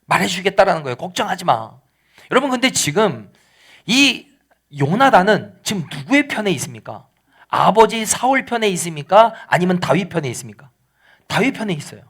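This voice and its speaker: Korean church pastor guy preaching, kinda high voice, chatty way of explaining stuff. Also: sing-song, brisk, fairly bright tone, breathy edge. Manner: explains scripture in plain conversational paraphrase, acting out quoted lines. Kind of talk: sermon.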